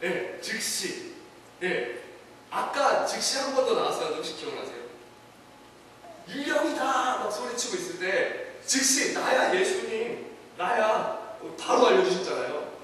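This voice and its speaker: Earnest male preacher, very high and bright voice, heard from a distant mic in a long-reverb church hall. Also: sing-song, normal speed, slight background noise. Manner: earnest, conversational, often affirms with short "yes". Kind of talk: sermon.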